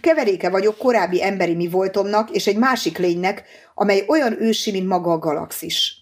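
A woman voicing a calm, coaxing alien-human young man. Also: medium pitch, lightly acted. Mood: soothing. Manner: calm, patient, persuasive.

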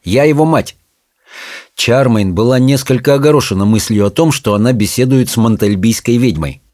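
A man reading a children's fantasy story aloud in an expressive storytelling manner. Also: mid-range voice, brisk, dry recording, studio quality. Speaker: audiobook narrator. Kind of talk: audiobook reading.

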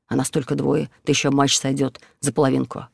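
A man's voice: medium pitch, flat delivery, a little fast, vocal fry, breathy edge, no room sound. A man voicing a careful, level-headed young outlaw. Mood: cautious.

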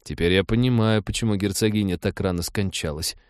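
A blunt, picky male guest, as an audiobook narrator puts him on speaks in an offhand, outspoken way. His voice is pitched a little higher than usual. The sound is close and dry. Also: sing-song, brisk, a little mellow, no echo.

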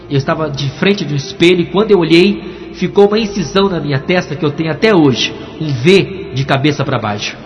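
Man preaching a dramatic testimony. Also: fairly high pitch. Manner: dramatic storytelling, quoting voices. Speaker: pastor. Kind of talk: testimony sermon. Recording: dull recording with long hall reverb.

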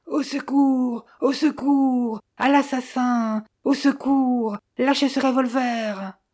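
A woman voicing a small male grey parrot with a hoarse, strange squawk, as in an audiobook. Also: high voice, steady tone, slow pace, a little mellow, pitched above the performer's own voice. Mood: panicked.

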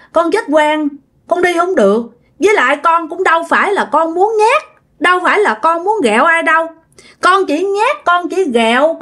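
A woman voicing the ghost of a wronged young woman, pleading in a high, tearful wail.

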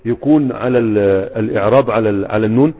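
A sheikh with an Egyptian accent teaches a grammar lesson in a mid-range, fast, slightly rough voice, repeatedly throwing quiz-style fill-in questions at his students and checking often that they follow. The sound is tinny and phone-like, echoing in a reverberant hall.

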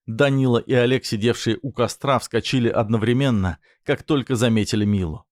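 A man narrating a story in a steady, even reading voice. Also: medium pitch, fairly quick, no room sound, clean studio sound.

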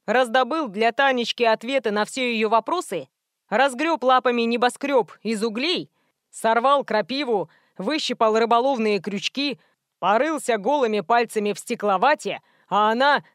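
A woman's voice: on the high side, moderate pace, no room sound, studio quality, natural voice. A woman playing a clowning prankster guy. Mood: teasing. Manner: playful, clowning. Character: joking, teasing male friend, a prankster.

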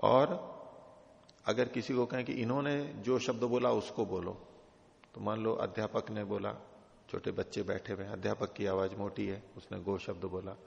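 Gravelly-voiced male teacher lecturing. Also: on the low side, flat delivery, normal speed. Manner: patient, explains with repeated examples. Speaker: teacher of philosophy texts. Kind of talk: classroom lecture with questions. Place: teaching hall at an ashram. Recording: dull reverberant hall recording.

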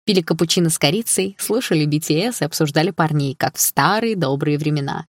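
A woman narrating an audiobook in the first person, calm and steady. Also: deep voice, fast, no room sound, clean studio sound.

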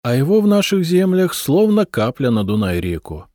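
A man's voice: mid-range voice, sing-song, normal speed, dark tone, dry recording, studio quality, voice pushed up, natural voice. A man reading a novel aloud, voicing a young princess wife who pleads tearfully and argues defiantly with her husband. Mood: scornful.

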